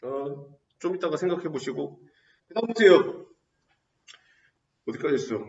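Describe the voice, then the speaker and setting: A male teacher giving an exam-prep lecture, quizzing students with rapid rhetorical questions and answering them himself. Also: a little high, big pitch swings, reverberant, distant mic, muffled recording. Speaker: Korean literature teacher.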